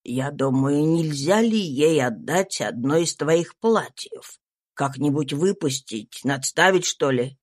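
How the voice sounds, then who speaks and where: A woman reading an audiobook voices a mild middle-aged husband, speaking low, slow and hesitant. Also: lively intonation, exaggerated voice. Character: mild middle-aged male household head.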